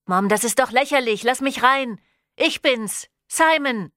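A woman's voice: high voice, takes it slowly, fairly bright tone, no room sound, clean studio sound, voice pushed up. A woman voicing a young male vampire pleading with his mother in an audiobook, strained and insistent. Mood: shouting. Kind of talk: audiobook reading.

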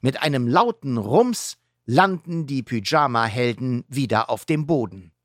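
Slow, expressive woman storyteller. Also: extremely low pitch, dry recording, studio quality. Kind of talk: children's storybook reading.

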